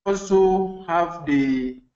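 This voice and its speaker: A man who is not a native English speaker, demoing an app on a video call, his audio cutting out with uneven volume, speaking haltingly with repeated words. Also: a little high, a little mellow, dull audio. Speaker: software contributor demoing an app. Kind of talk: narrated screen demo on a call.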